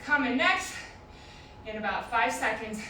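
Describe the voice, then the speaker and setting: Female aerobics instructor, high-pitched and slow-paced, counting reps and giving encouraging form cues; very reverberant room recording. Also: expressive, pushed and bright. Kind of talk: group workout coaching, counting reps and cueing exercises. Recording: very echoey room, distant mic, noisy.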